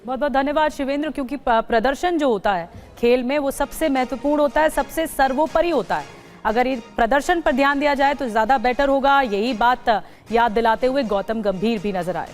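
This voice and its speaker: A woman reading the news as an anchor in a crisp, formal way. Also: sits high, a little fast, faint music behind.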